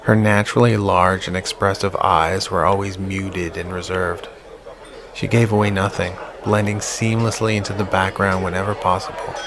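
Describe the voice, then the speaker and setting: Low gravelly male audiobook narrator. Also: flat delivery, normal speed, noisy background. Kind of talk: scripted horror audiobook narration.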